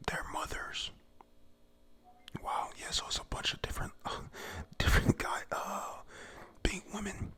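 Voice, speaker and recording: A man's voice: moderate pace, sharp tone. A man whispering a rambling ASMR review of a comic chapter, full of fillers and self-corrections.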